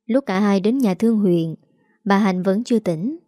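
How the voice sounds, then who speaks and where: A woman's voice: mid-range voice, normal speed, warm tone, dry recording, clean studio sound. A woman narrating a family drama story in a dramatic storytelling manner.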